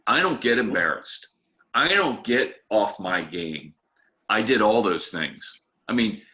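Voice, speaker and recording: A man with a low-ish but bright, forceful voice leads a workshop over a video call. He talks like a pastor swapping stories, candid and a little snarky, easing from anecdote into teaching. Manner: candid storyteller, a bit snarky. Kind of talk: conversational workshop talk with stories.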